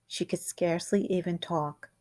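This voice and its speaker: Like a teacher, a woman reads a children's picture book aloud, telling the story in a dramatic, deliberate and expressive way. Her voice sits fairly low.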